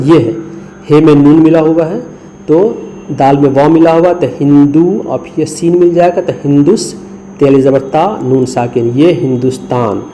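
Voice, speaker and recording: Dark-voiced man teaching Urdu writing. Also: a little high, a little hiss or hum, poor audio. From India. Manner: patient, spells out letters slowly syllable by syllable; mixes English words into Urdu explanations. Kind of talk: screen lesson.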